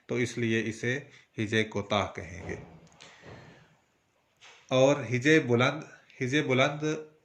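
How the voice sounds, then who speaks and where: A man from Pakistan with a Punjabi accent, teaching Urdu poetry meter in a patient, explanatory way with frequent pauses. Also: mid-range voice, fairly bright tone. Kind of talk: spoken lesson on Urdu verse meter.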